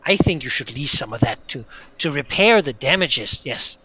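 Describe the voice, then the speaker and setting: A man's voice: medium pitch, animated, normal speed, pushed and bright, breathy edge, rough recording. A man voicing a fussy, greedy little pixie-like mud creature in a tabletop game, grumbling and complaining. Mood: greedy, scheming. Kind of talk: tabletop role-play character voice.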